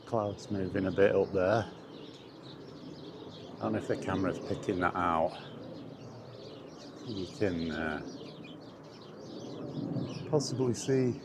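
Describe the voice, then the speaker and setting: A man with a low voice speaks slowly while walking a windy outdoor path, chatting casually for his vlog. He rambles, runs himself down, and swears a little in exasperation, all captured by camera audio with wind and outdoor background noise.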